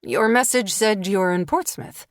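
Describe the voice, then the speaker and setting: A woman's voice: mid-range voice, measured pace, no echo, clean studio sound, lightly acted. A woman narrator voicing a guarded, terse grown man speaking on the phone in an audiobook. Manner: curt, wary.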